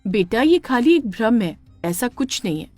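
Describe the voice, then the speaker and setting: A woman voicing a gentle, loving stepmother cow who soothes the children in a cartoon story. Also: fairly high pitch, very animated, normal speed, no room sound, soft background music. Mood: soothing. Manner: soothing and reassuring.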